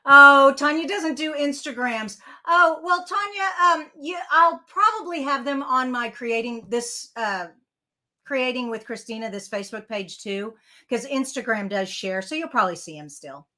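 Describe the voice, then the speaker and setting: An older woman with a bright, clear, high voice works through a card-making project live at her craft desk, speaking at a normal pace. She chats casually, often corrects herself, and greets viewers by reading their comments aloud.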